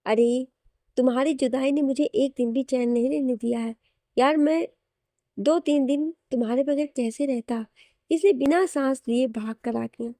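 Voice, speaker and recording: A man's voice: very high voice, normal speed, dark tone, no room sound, clean studio sound. A woman voicing a mischievous young husband who teases his wife and friend. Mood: teasing. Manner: mischievous, teasing. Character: playful teasing young husband.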